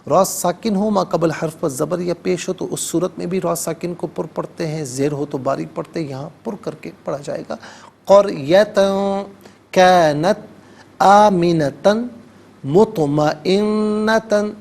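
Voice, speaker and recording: A man teaching Quran recitation on television in Urdu-accented speech, explaining each word methodically and chanting verses slowly. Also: fairly high pitch, steady tone, vocal fry, a little mellow, slightly rough. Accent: Pakistani Urdu. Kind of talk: televised tajweed lesson with slow chanted recitation.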